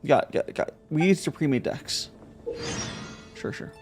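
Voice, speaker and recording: This is casual live commentary from someone streaming a card game, musing aloud with plenty of filler words and repetition. The voice is mid-range at a moderate pace. Music plays in the background.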